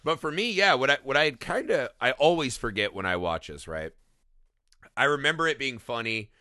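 Bright-voiced man chatting about movies. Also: mid-range voice, expressive, normal speed, no room sound, studio quality. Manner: swears a lot, says "right?" often. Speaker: podcast co-host. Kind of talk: casual movie chat.

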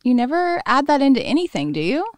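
A woman hosting a podcast in casual interview chat, playful, firing off quick questions and laughing often. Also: sits high, big pitch swings, no room sound. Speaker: podcast host.

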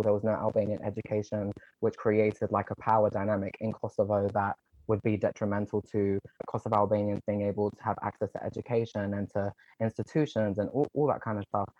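A young man who creates online content talks as an interview guest, his low, slightly mellow voice earnest and rushing out in quick runs full of casual "like" fillers. The recording is dry and close with no room sound, yet a bit dull and muffled, as if missing its top end.

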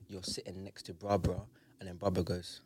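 A man's voice: low-pitched, completely flat delivery, fast, a little mellow, slight background noise. A young man with a London roadman accent, a podcast co-host telling anecdotes in casual slang. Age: young adult.

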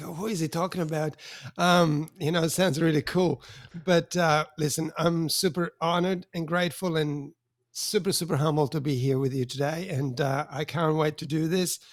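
A man's voice: a little high, no echo, studio quality. A man in his fifties from Switzerland, an enthusiastic interview guest who talks with many fillers and restarts. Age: 50s. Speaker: podcast guest, mentor. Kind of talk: conversational interview.

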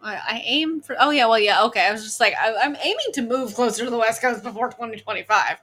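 A woman's voice: on the high side, lively intonation, quick pace, a bit bright, slight background noise. A woman in her thirties chatting casually with friends, rambling with lots of fillers and laughter. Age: 30s. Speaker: dungeon master. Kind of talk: casual chat among friends.

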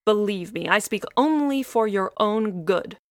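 A woman's voice: medium pitch, expressive, unhurried, no room sound, close to an everyday voice. A woman voicing a haughty, self-important hen who scolds and lectures in a storybook reading. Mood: lecturing.

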